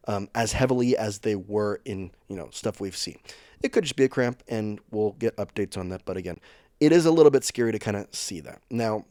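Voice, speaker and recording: A man's voice: medium pitch, a little mellow, no room sound. A man hosting a sports channel, talking through team news in a chatty, opinionated way that speeds up in bursts. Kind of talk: casual sports commentary vlog.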